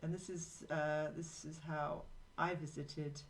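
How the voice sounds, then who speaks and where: Woman with a low voice doing a live drawing stream, chatty and rambly, tells little stories while sketching. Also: flat delivery, slow, poor audio. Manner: rambling, anecdotal, talks to viewers while working. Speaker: live drawing show host.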